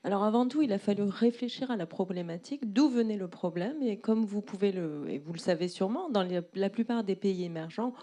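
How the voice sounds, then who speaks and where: A woman's voice: mid-range voice, expressive, a little fast, few pauses, warm tone. A woman interpreting a presentation live, explaining and rephrasing as she goes.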